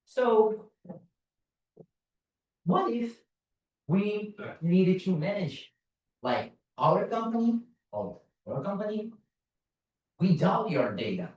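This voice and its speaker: This Brazilian security consultant, speaking with a Brazilian Portuguese accent, delivers a relaxed conference talk, poking fun at himself and often saying "like" and "you know." His high voice swings widely in pitch, and he takes it slowly with long pauses. He is distant from the mic in a large conference room with echoey sound.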